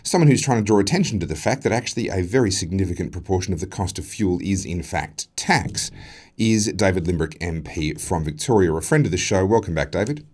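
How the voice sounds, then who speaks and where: A man hosting a news show, measured and earnest as he presents and interviews. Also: sits low, lively intonation, a little mellow.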